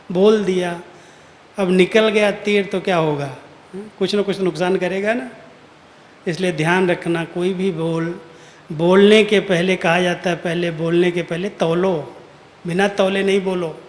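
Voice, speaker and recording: A man's voice: high voice, fairly even intonation, measured pace. A man giving an earnest, admonishing spiritual discourse, quoting imagined listeners to make his points. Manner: earnest, admonishing, with rhetorical quotes. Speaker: spiritual teacher. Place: large hall at a retreat. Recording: echoey hall with faint noise.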